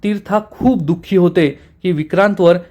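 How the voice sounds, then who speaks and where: A man's voice: high-pitched, normal speed, warm tone. A man dramatically retelling a television serial episode, reading out the characters' lines with rising intensity. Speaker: serial episode recap narrator. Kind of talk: storytelling recap.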